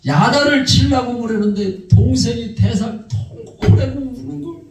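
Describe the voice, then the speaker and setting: A man's voice: extremely high pitch, normal speed, gravelly. A male pastor telling a testimony in a sermon, acting out the people in his story. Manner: animated, acts out quoted voices. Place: church sanctuary. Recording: echoey church hall, mic far off.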